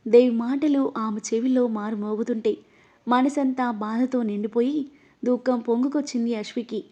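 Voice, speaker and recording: Woman narrator, higher voice, mellow tone, dull lo-fi sound, dramatic story reading. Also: fairly even intonation, moderate pace. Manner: reads all the characters, her voice rising louder in angry lines. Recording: dull, lo-fi audio.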